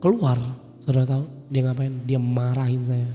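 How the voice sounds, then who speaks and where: Emphatic preacher in an echoing hall. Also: male voice, mid-range voice, fairly even intonation, moderate pace, dull audio. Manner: conversational, swings from loud emphatic peaks to quiet storytelling. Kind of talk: sermon with personal story. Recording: long hall reverb, soft music behind.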